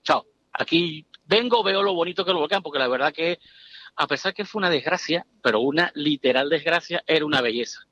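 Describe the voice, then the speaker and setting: A man's voice: on the high side, brisk, bright, forceful tone, no room sound, lo-fi sound. A middle-aged man from Venezuela, telling his story as a guest in a casual, emphatic interview chat.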